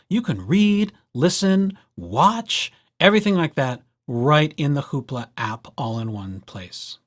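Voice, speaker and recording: This man's voice is a little high and fairly bright. He's presenting a casual, jokey library tutorial from a script, talking straight to viewers and acting out little imagined exchanges in a playful way.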